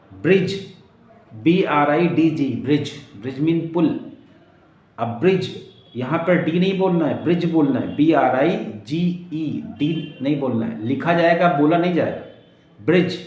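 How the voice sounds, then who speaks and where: Man, Indian English accent, teacher, unhurried repetition, code-switching, roomy echo. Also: a little high, darkish tone. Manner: slow, emphatic, repeats words for drills; mixes Hindi and English. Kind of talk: spoken English lesson. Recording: echoey room.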